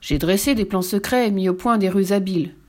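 A gloating, greedy giant crocodile, as a woman reading a storybook puts him on. He brags loudly about his tricks with a pushy, swaggering manner. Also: mid-range voice, a little fast, close to an everyday voice. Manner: gloating, boastful. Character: greedy boastful huge male crocodile.

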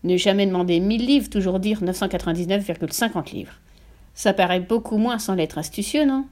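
A woman's voice: mid-range voice, brisk, darkish tone, lightly acted. A woman voicing a smug, bullying middle-aged father in an audiobook, bragging and barking. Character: boastful, bullying middle-aged father, used-car dealer.

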